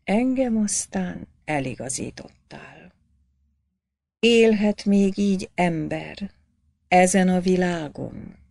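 A woman voicing a poor, humble peasant man who speaks quietly and stammers in shame. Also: fairly low pitch, gravelly, no room sound, clean studio sound. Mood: despairing.

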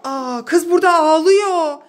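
A young woman who is a mother, talking in a casual family vlog in a coaxing, excitable way, with frequent gasps and exclamations. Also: very high voice, measured pace.

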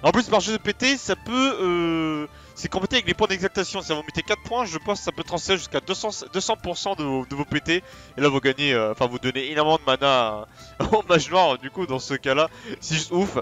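A man commenting on a game in a casual, excitable way, rambling with slang and fillers. His voice sits a touch high. Faint game music runs underneath. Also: fairly quick. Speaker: let's play host.

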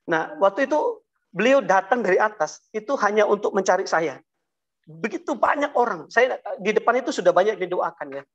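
A man telling his personal testimony to an audience, talking haltingly with many fillers and restarts and often addressing them directly. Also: sits high, animated, dull audio. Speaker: guest giving a testimony. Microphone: video call.

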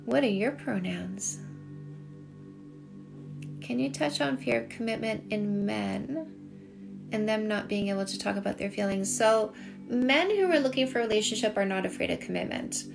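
Speaking at a normal speed with frequent pauses, this middle-aged woman with a Canadian accent hosts a casual livestream as a dating coach, responding to comments and restating key points. Her voice is medium-pitched and gravelly, music sits in the background, and a phone at arm's length captures her in a small shelved room at home.

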